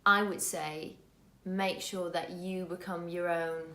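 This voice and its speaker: A woman's voice: on the low side, fairly even intonation, slow pace, pushed and bright, reverberant. A woman from the Netherlands, a native Dutch speaker in her thirties, co-hosting a casual vlog in an earnest way, often restarting words. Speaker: vlog co-host, actor.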